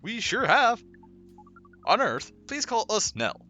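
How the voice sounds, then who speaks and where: A man voicing a high, upbeat alien visitor. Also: very animated, takes it slowly, sharp tone, full character voice. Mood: cheerful. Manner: upbeat, formal, slightly stilted phrasing. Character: friendly alien visitor speaking as "we".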